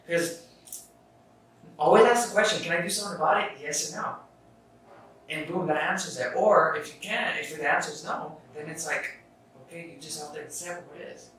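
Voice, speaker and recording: A man's voice: a little high, a bit bright. A young man hosting a casual self-help podcast, rambling through his thoughts with restarts and casual swearing. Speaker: podcast host. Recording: echoey room, far from the mic, faint noise.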